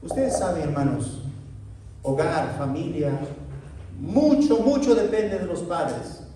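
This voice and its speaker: High-voiced preacher in a very echoey hall. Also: male voice, lively intonation, slow pace, mellow, far from the mic, a little hiss or hum. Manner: emotional preaching, voice rising sharply in the cries of the quoted lament. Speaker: pastor. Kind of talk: sermon. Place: large echoey church hall. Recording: very echoey hall, voice heard from afar.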